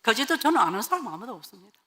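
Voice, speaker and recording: A woman, a pastor's wife, tells her church testimony as animated storytelling and acts out the dialogue. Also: on the high side, racing.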